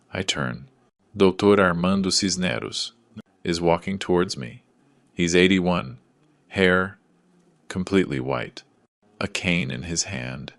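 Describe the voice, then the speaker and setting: A man reading a dramatic first-person story in a measured, somber way. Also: deep voice, fairly bright tone, dry recording. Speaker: narrator.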